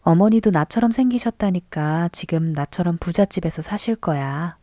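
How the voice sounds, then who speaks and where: A woman reading the part of a kind young lady of a wealthy house who speaks softly and slowly to comfort a child. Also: lowish voice, expressive, no echo, clean studio sound, natural voice. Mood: tender. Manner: soft, slow and comforting.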